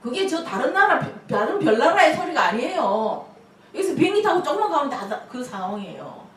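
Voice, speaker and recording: A woman pastor preaching a lively sermon, laughing often and acting out quotes. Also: high-pitched, fairly quick. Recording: echoey room, mic at a distance.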